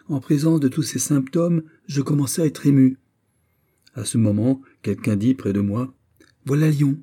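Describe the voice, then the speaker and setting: A man reading a classic novel aloud as an audiobook, expressive and lifting his voice on exclamations. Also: medium pitch. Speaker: narrator.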